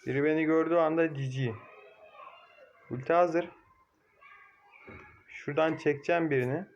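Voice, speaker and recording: A young man casually commentating his own mobile game match, excitable, cursing at teammates and shouting now and then. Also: fairly high pitch, moderate pace, highs cut off, a little hiss or hum. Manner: excitable, swears and shouts at teammates, laughs loudly.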